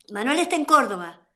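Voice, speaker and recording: A woman's voice: high-pitched, sharp tone. An older woman with an Argentine accent giving a personal testimony in an online talk, telling her story in a rambling way with many fillers. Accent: Argentine Spanish. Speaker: guest speaker, former activist.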